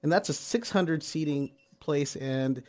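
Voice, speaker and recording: In a radio studio, a man from San Diego, USA, appears as a brewery guest on a casual radio interview, talking eagerly and repeating words for emphasis. His voice is on the high side, a little slow and a little mellow.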